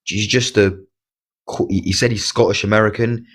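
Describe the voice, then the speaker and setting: Man, very low voice, casual live stream chat, stumbling, repeats himself. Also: fairly even intonation, a bit bright. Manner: halting, repeats words and restarts often.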